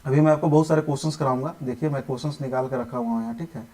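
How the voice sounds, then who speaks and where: A man's voice: medium pitch, steady tone, rapid-fire, dark tone, low-quality recording. A young adult man teaching basic percentages in a live online maths lesson, explaining patiently, repeating each step and checking in with his students often. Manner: patient, repeats steps, says "ठीक है" often.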